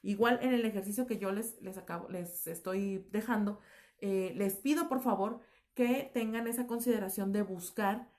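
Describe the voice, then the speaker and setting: A woman's voice: mid-range voice, normal speed, darkish tone. A woman teaching a recorded lesson, explaining patiently with fillers and self-corrections. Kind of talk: recorded class lecture.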